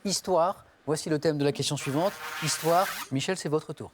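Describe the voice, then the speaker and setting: A man's voice: fairly high pitch, normal speed, noisy background. A man hosting a television quiz show, reading clues in the first person and calling on the players by name. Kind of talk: game show question reading.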